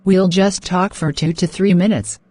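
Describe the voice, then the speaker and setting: A woman's voice: on the low side, steady tone, moderate pace, mellow, no room sound. A woman working as a speaking test examiner, reading out scripted questions and instructions in a polite, formal way.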